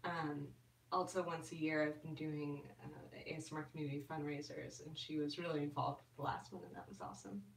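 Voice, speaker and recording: A woman's voice: low voice, fairly even intonation, brisk, slight background noise. A woman chatting casually on a live stream as an ASMR host, reading and answering viewer comments with fillers. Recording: roomy and distant from the mic.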